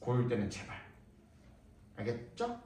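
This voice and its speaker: A man's voice: mid-range voice, very animated, a little slow, mellow. A young male English teacher lecturing a class, firing questions at students and repeating words as a drill, heard from a distance in a classroom. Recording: echoey room, voice from a distance.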